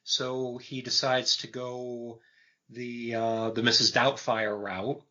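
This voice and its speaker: A man in his fifties co-hosting a film podcast, talking in a measured, thoughtful way with frequent pauses. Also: medium pitch, flat delivery, sharp tone. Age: 50s. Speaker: podcast host. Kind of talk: casual film discussion. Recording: dull lo-fi podcast audio.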